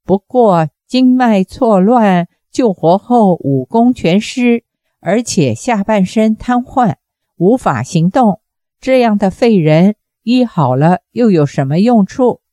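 Woman doing a grumpy stubby doctor guy, cold and snappy, slow and low-key. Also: animated, dark tone, no room sound, clean studio sound. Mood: curt, cold. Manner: cold, curt retorts. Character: short stout male doctor, cold and quick-tempered.

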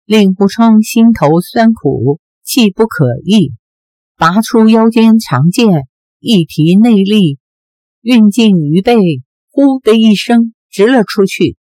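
A woman reading a martial-arts novel aloud as narrator, in a deliberate, even storytelling manner on a close mic. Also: mid-range voice, no echo. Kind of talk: scripted audiobook narration.

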